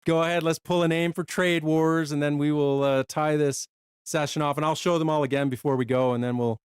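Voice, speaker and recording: A man co-hosting a casual product live stream, chatty and quick, sometimes short of breath. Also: a little high, fairly even intonation, smooth, no echo, studio quality. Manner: chatty, talks fast and runs out of breath.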